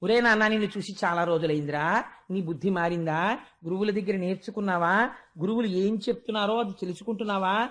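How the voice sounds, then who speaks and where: A man's voice: sits high, fast, fairly bright tone, pitched below the performer's own voice. A man playing a stern demon king questioning his son. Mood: probing. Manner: probing, repeated questions.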